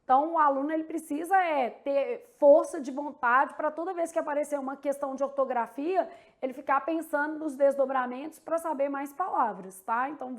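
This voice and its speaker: A woman with a Brazilian Portuguese accent teaching an exam-prep Portuguese lesson, explaining step by step and checking in with "tá?" and "né?". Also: high-pitched.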